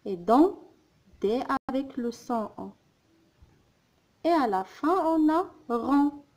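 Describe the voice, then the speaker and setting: A woman teaching a phonics lesson, sounding out words and syllables slowly and repeating them. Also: high-pitched, animated, a little mellow. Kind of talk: slow, careful phonics lesson.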